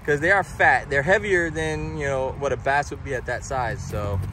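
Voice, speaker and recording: A man's voice: medium pitch, normal speed, heavy background noise. A man co-hosting a fishing vlog outdoors by a pond, chatting to viewers while he films a friend fighting a fish. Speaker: fishing vlog co-host filming. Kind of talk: casual outdoor vlog chat. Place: outdoors by a golf course pond.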